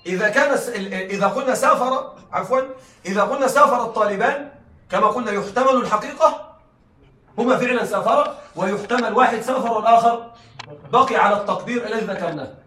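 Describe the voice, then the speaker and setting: A man's voice: extremely high pitch, fast talker, bright, forceful tone. A male teacher giving a classroom lecture, often checking that the class follows and laughing lightly as he explains. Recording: echoey room, mic at a distance.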